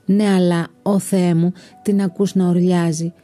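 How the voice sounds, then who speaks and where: A woman's voice: fairly low pitch, little pitch movement, dark tone, natural voice. A woman voicing a frantic female bystander by a stuck elevator, speaking urgently. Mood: alarmed. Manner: urgent, pleading.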